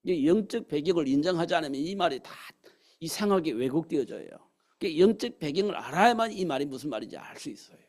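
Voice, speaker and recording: Gravelly-voiced man preaching a sermon. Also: fairly high pitch, expressive, fast, darkish tone. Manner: preaches with rhetorical questions and acted quotes of God's words. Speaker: pastor. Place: church sanctuary.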